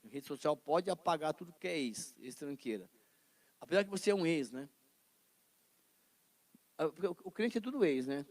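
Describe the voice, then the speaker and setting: A man teaching a casual Bible lesson in a lively way and acting out little dialogues. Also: fairly high pitch, normal speed, pauses often, no echo.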